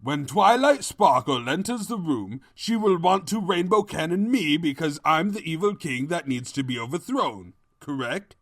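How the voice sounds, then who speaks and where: A man's voice: fairly high pitch, animated, normal speed, hardly any pauses, no room sound, clean studio sound, pitched above the performer's own voice. A man voicing a pompous, scheming and cowardly evil pony king with theatrical, grandiose delivery in a story. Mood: smug, scheming.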